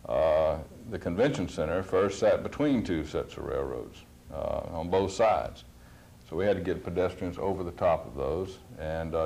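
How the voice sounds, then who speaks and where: A man's voice: deep voice, darkish tone. A middle-aged man, an architect, explaining designs plainly with frequent fillers on a studio panel. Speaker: convention center architect. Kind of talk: panel discussion.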